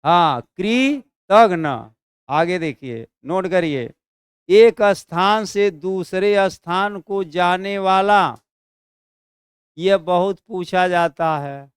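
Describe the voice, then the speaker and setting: A male teacher runs an online exam-prep Hindi class, dictating slowly, stretching out and repeating words, and checking in with students. His voice sits high with a clean tone, recorded in clean studio sound with no echo.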